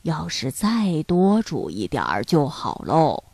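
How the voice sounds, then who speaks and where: Woman putting on a sweet old grandpa, lower voice, slow and gentle, storybook. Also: wildly swooping pitch, husky, no echo, exaggerated voice. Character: kindly lonely old grandpa, cheerful and generous.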